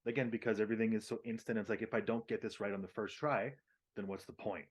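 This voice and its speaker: A man co-hosting a podcast over a video call, talking casually with some swearing and dark jokes. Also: fairly low pitch, fairly even intonation, quick pace, breathy edge. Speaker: podcast co-host.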